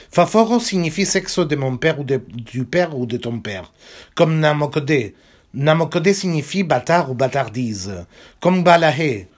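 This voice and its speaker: A man reading as an insolent boy of about ten who fought as a child soldier speaks bluntly, counting off his points and swearing freely. The voice sits a little high for a man. It sounds like a literary reading rather than a staged performance.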